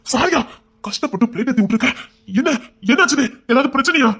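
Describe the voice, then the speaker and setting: A man's voice: very high voice, animated, bright, forceful tone, husky, full character voice. A man playing a young rowdy who broods over a past heartbreak and scolds a woman for coming back. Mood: exasperated. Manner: scolding, rapid, exasperated. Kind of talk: amateur romance drama acting.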